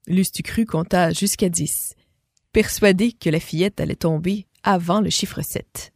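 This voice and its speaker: A woman reading a children's story aloud as a storyteller, expressive and speaking to a child listener. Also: fairly low pitch, measured pace, creaky, no echo, clean studio sound.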